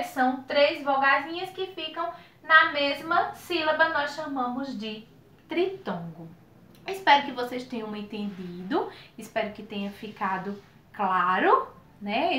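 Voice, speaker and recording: A woman's voice: high-pitched, reverberant. A woman from Brazil teaching a recorded video lesson for children, drawing out the words she spells. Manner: slow, drawn-out spelling of words, lively teacherly sing-song.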